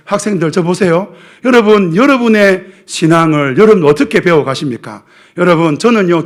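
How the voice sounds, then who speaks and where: A middle-aged man, preaching a sermon as pastor, asking the congregation questions with wry, self-mocking humor. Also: a little high.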